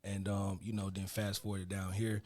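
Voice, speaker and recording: Young man, low voice, quick slangy laid-back interview talk, dry close sound. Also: level tone, a little mellow, no room sound. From Mississippi. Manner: laid-back, slangy, keeps saying "you know what I mean". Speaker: guest rapper. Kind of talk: casual interview chat.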